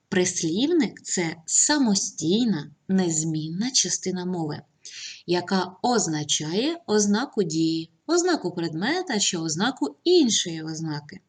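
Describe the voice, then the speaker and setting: Husky woman teacher giving a lively lesson. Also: mid-range voice. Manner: clear, instructive, patient. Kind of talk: online lesson.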